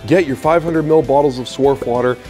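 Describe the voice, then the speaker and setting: A man playing an earnest spokesman selling a fake health product in a parody infomercial, with a smooth salesman delivery. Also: mid-range voice, brisk, mellow, soft background music, lightly acted.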